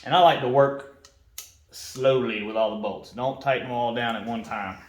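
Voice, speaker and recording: A man explains a motorcycle install in a relaxed, hands-on way, often dropping to a near whisper as if talking to himself at work. His voice sits in the middle range. The sound bounces around a roomy garage. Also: mid-range voice, moderate pace. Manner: quiet, half-whispering to himself as he works. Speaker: motorcycle vlogger and mechanic. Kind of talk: casual how-to while working.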